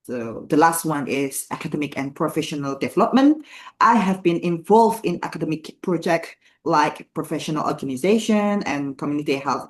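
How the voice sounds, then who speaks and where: Young Indonesian man, formal applicant in a school interview role-play. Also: fairly high pitch. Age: young adult. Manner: polite, formal, reads prepared answers. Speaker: student playing a job applicant.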